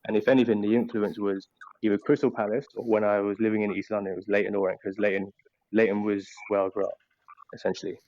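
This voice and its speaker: A man's voice: on the low side, flat delivery, darkish tone, dry recording. A man who grew up in the Caribbean and East London, insistently arguing his view in a casual football debate. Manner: insistent, rapid-fire. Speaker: club podcast member. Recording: muffled online voice chat.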